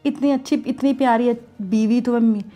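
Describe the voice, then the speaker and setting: A woman plays a neglected young wife who pleads and complains in a high voice, turning coaxing, then reproachful. Faint music runs underneath. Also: fairly even intonation, brisk, mellow, close to an everyday voice. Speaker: actor in short film. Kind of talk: domestic drama acting.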